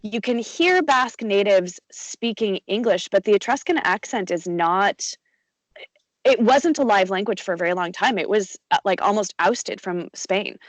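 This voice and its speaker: A woman voice actor chats about her craft in a relaxed interview, full of "you know"s, restarts and quick laughs. Her voice sits at an ordinary middle pitch. The sound is dry and close, with no room around it. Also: no echo, low-quality recording. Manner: chatty, lots of fillers and restarts, laughs easily. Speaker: audiobook narrator and voice actor. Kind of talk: conversational interview.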